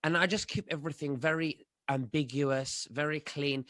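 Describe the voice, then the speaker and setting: Halting man in his thirties. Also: fairly high pitch, steady tone, fairly bright tone, no room sound. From London, England. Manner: halting, many fillers and restarts. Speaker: guest, online commentator. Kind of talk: casual interview answers.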